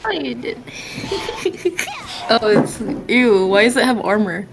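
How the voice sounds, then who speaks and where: A woman's voice: fairly high pitch, a little slow, vocal fry, over music, rough recording. A woman chatting casually while playing a game, teasing and giggly. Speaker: co-player. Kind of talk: casual gameplay banter.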